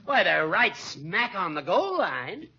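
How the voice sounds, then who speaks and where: A crafty, needling old judge in a 1940s radio comedy. His sharp, raspy voice swings widely in pitch and sounds very pleased with itself. The aged recording is slightly dull. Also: sing-song, slow, exaggerated voice. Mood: boastful. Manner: needling, self-satisfied, cackling. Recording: muffled vintage radio recording.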